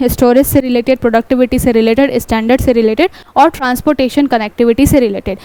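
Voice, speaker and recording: Woman, exam-prep teacher, explanatory lecture, high voice, dry close sound. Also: a little mellow, dry recording. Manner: explanatory, rhetorical questions, mixes in English words. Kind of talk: newspaper analysis lecture.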